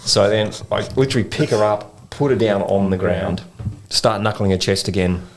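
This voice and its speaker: A man with an Australian accent telling a long story in a rambling, animated way, full of slang, as a podcast co-host. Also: fairly low pitch, normal speed, a little hiss or hum. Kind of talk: casual storytelling chat. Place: in-person podcast recording.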